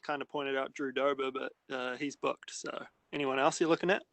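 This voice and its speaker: A man's voice: mid-range voice, fairly even intonation, fairly quick, fairly bright tone, no echo. A man with a New Zealand accent, a sports reporter asking questions in a casual, matey style.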